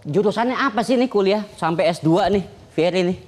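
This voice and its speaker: A man's voice: sits high, brisk. A man co-hosting a late night talk show, playful and teasing, laughing often. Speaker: TV show co-host. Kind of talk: joking talk show banter.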